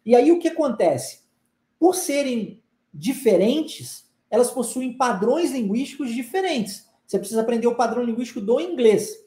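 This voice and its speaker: Brazilian man, language teacher, patient explanations, warm mellow voice, echoey room. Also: very high-pitched, animated, moderate pace. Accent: Brazilian Portuguese. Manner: patient, explanatory, checks in often with short questions. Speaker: English teacher. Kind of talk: online language lesson.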